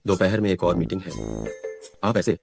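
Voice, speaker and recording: A man's voice: low-pitched, fairly even intonation, normal speed, lightly acted. A man playing a polite office assistant. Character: deferential male office assistant. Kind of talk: dubbed drama acting. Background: background music.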